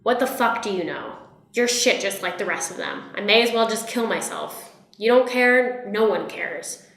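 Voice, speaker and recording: A woman's voice: mid-range voice, a little fast, fairly bright tone, natural voice. A woman voicing an angry, upset young woman who lashes out with hostile swearing. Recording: roomy echo.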